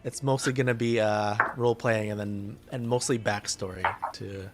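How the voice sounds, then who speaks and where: A man acting as game master for an online tabletop game, talking in a halting way with many ums and likes over a voice chat mic. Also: fairly low pitch, fairly even intonation, a little mellow, faint music behind.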